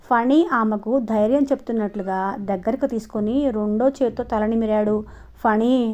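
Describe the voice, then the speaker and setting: A woman's voice: on the high side, warm tone. Woman narrating a novel, lo-fi. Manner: reads dialogue of both lovers in a lightly heightened tone. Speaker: audiobook narrator. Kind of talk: novel reading with voiced dialogue. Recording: dull lo-fi sound.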